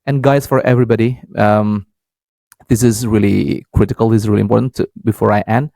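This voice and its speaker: A young man with an Indonesian accent, hosting a podcast in a halting, casual way and laughing easily. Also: on the low side, fairly even intonation, creaky, dark tone, no room sound. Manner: hesitant, many fillers and restarts, laughs easily. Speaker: podcast host and English learner. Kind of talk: casual practice talk.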